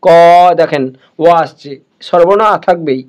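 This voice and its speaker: A man with a high voice teaches a beginners' reading lesson. He sounds each word out patiently and says it again and again before moving on. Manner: slow, repeats words over and over.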